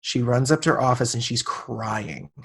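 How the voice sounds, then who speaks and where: A podcast guest in his late thirties tells a personal story in relaxed conversation, acting out the people he quotes. His medium-pitched voice has vocal fry and a fairly bright tone, at a normal speed.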